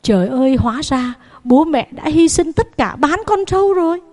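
A Buddhist nun telling a moral story to children in a sermon, animated and swinging in loudness and pitch. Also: female voice, normal speed.

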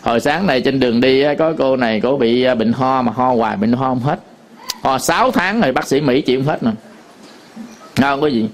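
A man's voice: medium pitch, fairly quick. A man with a Southern Vietnamese accent, a Buddhist monk giving a dharma talk to an audience, telling stories with many fillers and repetitions.

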